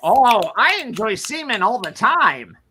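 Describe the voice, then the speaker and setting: A woman playing a chirpy, boxy little party lover with a folksy manner. The voice is high, bright and bounces all over. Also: very animated, a little slow, a little hiss or hum, exaggerated voice. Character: cheerful boxy object with corners, party lover. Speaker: bachelor contestant.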